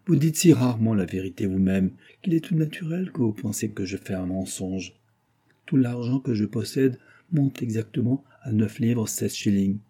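A man's voice: lowish voice, mellow, husky. A man reading aloud, voicing a cold and bitter middle-aged woman with a hard, cutting voice. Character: cold, harsh middle-aged woman under a false name.

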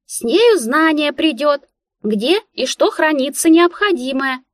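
A woman voicing a cheeky, theatrical little female mouse familiar with a squeaky voice in an audiobook. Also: animated, measured pace, no echo, studio quality. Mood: coaxing. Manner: wheedling, theatrical, easily offended. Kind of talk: audiobook character voice.

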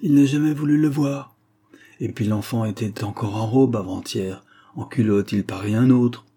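A man voicing a scheming, knowing village woman in a storybook reading, talking in a brisk, conspiratorial way. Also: mid-range voice, mellow, slightly rough.

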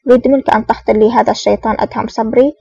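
A woman's voice: a little high, fairly even intonation, very fast, creaky, warm tone, husky, no echo, distant mic, dull audio. A woman reading the lines of a sly male spy ringleader giving orders in an audiobook.

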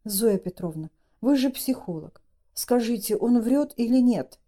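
A woman's voice: mid-range voice, a little slow, dark tone, natural voice. A woman voicing a stern, nervous middle-aged wife who speaks in a pressing tone.

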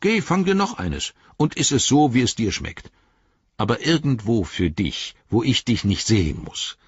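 A man's voice: mid-range voice, sing-song, normal speed, breathy edge, dry recording, muffled recording, voice pushed up, heavily acted. A man voicing a blunt, grumbling male hobbit servant. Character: stout-hearted gruff male hobbit servant. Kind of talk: audiobook character voice.

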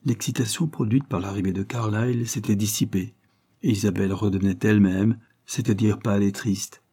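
A man reading a classic novel aloud as an audiobook in measured scripted narration. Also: on the low side, steady tone, mellow, breathy edge. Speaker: audiobook reader.

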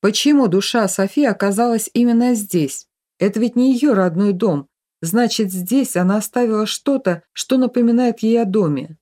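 Old witch grandma voiced by a woman, stern and bossy, mellow warm tone, slow chanting incantations, storybook reading. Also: mid-range voice, lightly acted. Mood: irritated. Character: elderly village witch grandmother, stern and commanding.

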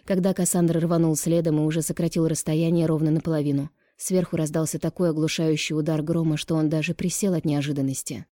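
A woman narrating an audiobook in a calm, even reading voice. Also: low voice, fast, few pauses, no echo, studio quality.

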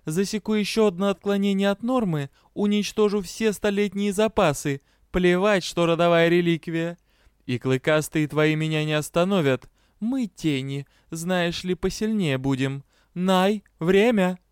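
Man acting young female vampire, furious, scornful, loud, smooth voice, storybook. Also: high-pitched, a little slow, no room sound, clean studio sound, voice pushed up. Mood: scolding. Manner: shouting, scornful, threatening.

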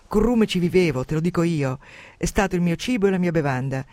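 A surly old sea-dog pirate, sodden with rum and begging for another drink, as a male radio host reads his lines. He sounds a touch raised and quick, pressing his case in a radio-show reading of a classic adventure novel. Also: high-pitched, lively intonation, a little mellow, no room sound, voice pushed up. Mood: pleading. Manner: pleading, insistent.

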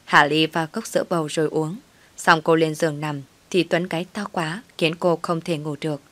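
Woman reading a family drama story, low steady voice. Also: normal speed.

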